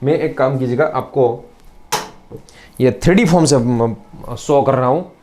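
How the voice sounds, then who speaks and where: A man's voice: mid-range voice, measured pace, darkish tone, slight background noise. Gujarati-accented guy teaching chem, repeats stuff a lot, teases students a bit. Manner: repetitive, drilling, teasing asides to students. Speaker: chemistry teacher. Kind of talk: recorded lecture.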